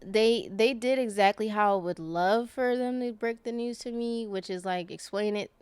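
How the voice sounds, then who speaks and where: Smooth-voiced woman telling her story. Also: mid-range voice, normal speed, a little mellow, no room sound. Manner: rambling, many "like"s and self-corrections. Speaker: podcast guest. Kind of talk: casual personal storytelling.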